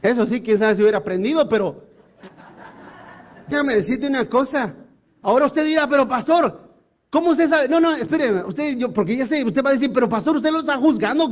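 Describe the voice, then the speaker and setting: A male pastor, preaching a sermon emphatically and asking the congregation rhetorical questions. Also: very high-pitched.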